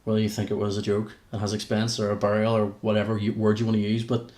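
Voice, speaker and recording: A man's voice: fairly low pitch, completely flat delivery, quick pace, darkish tone. A man co-hosting a podcast, chatty and jokey. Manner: chatty, jokey, reels off names. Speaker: podcast co-host. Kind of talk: casual wrestling podcast chat. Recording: roomy echo.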